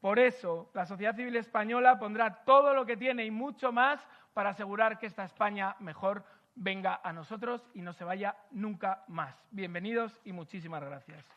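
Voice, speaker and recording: A man's voice: sits high, moderate pace, a bit bright, highs cut off. A man hosting a political event, delivering an emphatic speech full of rhetorical repetition before moderating a panel.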